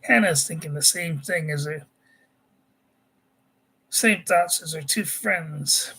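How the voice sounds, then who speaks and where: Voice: mid-range voice, slow, pushed and bright, a little hiss or hum, low-quality recording. An amateur author casually reading their own sci-fi story aloud, often stopping to correct themselves and add chatty asides.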